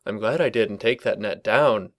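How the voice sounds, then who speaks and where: A man voicing a calm, worried male pony who soothes his little sister. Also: on the low side, normal speed, close to an everyday voice. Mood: placating. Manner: soft and placating.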